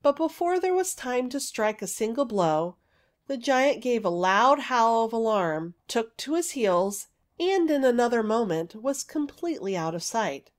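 A woman narrating a fairy story in a gentle, even storytelling manner. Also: a little high, a little slow. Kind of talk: audiobook fairy story reading.

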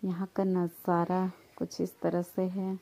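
A woman narrating a travel vlog slowly and descriptively, praising the scenery. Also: fairly low pitch, completely flat delivery, vocal fry, warm tone. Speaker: vlogger.

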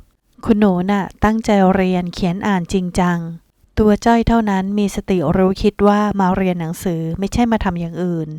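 A woman reading an audiobook, voicing a bold, sharp-tongued servant woman who scolds and mocks with sarcasm. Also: medium pitch, fairly even intonation, moderate pace, no room sound, clean studio sound, close to an everyday voice. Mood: sarcastic.

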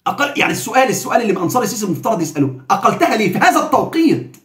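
A man's voice: high-pitched, big pitch swings, very fast, roomy sound. A man with an Egyptian accent giving heated, sarcastic political commentary.

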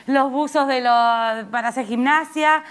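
An Argentine woman with a high, bright-pitched voice, talking casually as a fashion guest on a live TV show. She is chatty and laughs often, her pitch rising in lively bursts. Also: unhurried, smooth. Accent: Argentine Spanish. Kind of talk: casual TV chat. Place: live TV studio.

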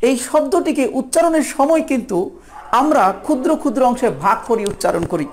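A woman's voice: sits high, very animated, brisk, a little mellow. A woman from Bangladesh, teaching an exam-prep lesson in a patient, methodical way and sounding words out syllable by syllable. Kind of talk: recorded video lesson.

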